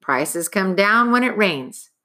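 A woman reading an audiobook voices a bald, businesslike male hotel clerk who speaks in a brisk, matter-of-fact way. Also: mid-range voice, lively intonation, sharp tone.

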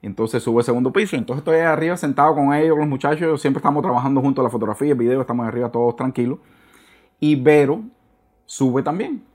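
Speaking fast in a mid-range voice, a thirties-aged interview guest relays his story in a lively way full of restarts and repetitions, with the odd English word mixed in during the casual chat.

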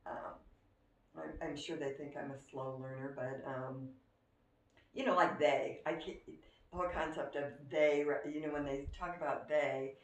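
A woman's voice: deep voice, fairly even intonation, moderate pace, echoey room, distant mic, poor audio. A woman in her late sixties, a podcast guest, chatting in a self-deprecating way and laughing at herself. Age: 60s. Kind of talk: casual podcast conversation.

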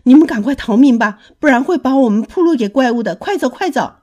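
A woman voicing a frightened old male rooster in hiding, talking in an anxious, urgent hush. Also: mid-range voice, lively intonation, normal speed, husky, lo-fi sound. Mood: alarmed.

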